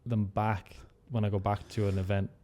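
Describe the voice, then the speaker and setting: A man's voice: lowish voice, level tone, moderate pace, dark tone. A man from Galway with a west of Ireland accent, talking casually as an interview guest.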